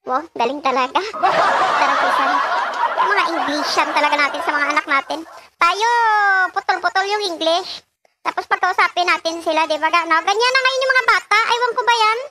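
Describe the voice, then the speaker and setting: Very high-voiced chatty woman, noisy room. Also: fairly quick. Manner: chatty and joking, laughs often, mixes in English. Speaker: cake decorator. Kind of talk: casual chat while decorating a cake. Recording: loud background noise.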